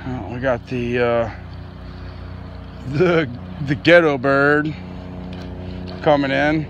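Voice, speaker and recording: A man's voice: fairly low pitch, slight background noise. A man vlogging while night fishing outdoors, rambling casually about his gear and surroundings, sometimes talking to his dog. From Florida.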